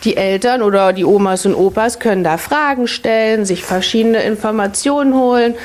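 A woman's voice: mid-range voice, normal speed, a little mellow. A woman in her thirties who works at a family office. She answers children's interview questions simply and patiently and often repeats each question back before answering. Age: 30s.

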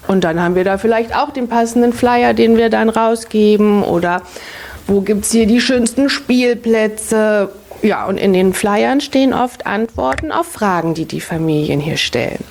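A woman's voice: fairly high pitch, a little mellow. A woman in her thirties who works at a family office. She answers children's interview questions simply and patiently and often repeats each question back before answering. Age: 30s.

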